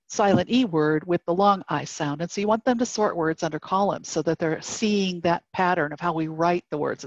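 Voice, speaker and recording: A woman's voice: on the low side, dry recording. A woman giving an instructional talk on reading, explaining methods and modeling classroom prompts step by step. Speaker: literacy education presenter. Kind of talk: instructional presentation. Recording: dull, dry audio.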